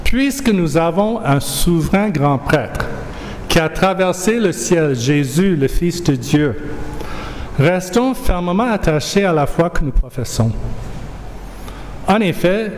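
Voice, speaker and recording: A man preaches in a slow, deliberate way, leaning on key words as he reads scripture. His voice sits a little high for a man. It rings through a reverberant church hall over a faint room hum. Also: animated, a little mellow. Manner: slow, measured, emphatic delivery. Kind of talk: sermon with scripture reading. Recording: echoey hall, faint ambience.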